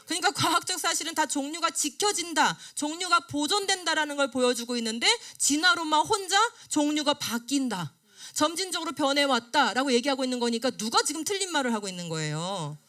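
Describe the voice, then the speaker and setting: Woman teacher, middle-aged, raised pitch, animated lecture delivery with questions to the class. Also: brisk. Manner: asks the class questions and answers them herself; lively, rising and falling delivery. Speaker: creation science lecturer. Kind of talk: classroom lecture on a study book.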